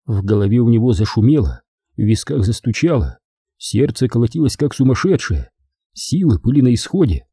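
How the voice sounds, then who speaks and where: A man narrating an audiobook with an expressive, dramatic reading. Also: mid-range voice, husky, dry recording, studio quality.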